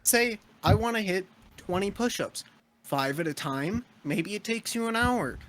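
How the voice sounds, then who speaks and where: Young dude with a high voice, brash tipsy pep talk, swears a lot. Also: male voice, expressive, a little slow, a bit bright. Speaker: podcast co-host. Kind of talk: casual chat.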